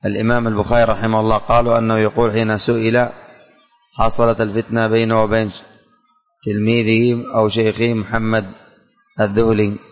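A man teaching a religious lesson in a classroom, speaking slowly and deliberately, repeating lines for students to write down and quizzing them. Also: fairly low pitch, monotone. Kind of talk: classroom lesson dictating and explaining verses. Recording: long hall reverb, faint music.

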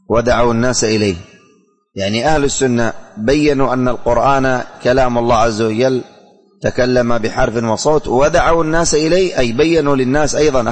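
A male teacher leading a religious lesson, repeating questions and quizzing his students. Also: mid-range voice. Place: classroom. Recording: long hall reverb.

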